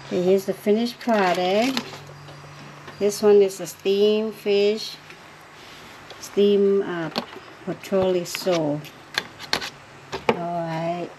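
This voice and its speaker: A woman speaking very slowly at a middle pitch, explaining as she serves a home-cooked meal. Clear background noise runs behind her home video recording. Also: steady tone. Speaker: cook. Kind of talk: casual cooking talk.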